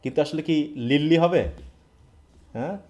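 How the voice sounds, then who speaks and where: A man's voice: a little high, moderate pace, lo-fi sound, a crowd in the background. A man from Bangladesh teaching a live online English class, often checking that students follow. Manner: asks questions and checks understanding.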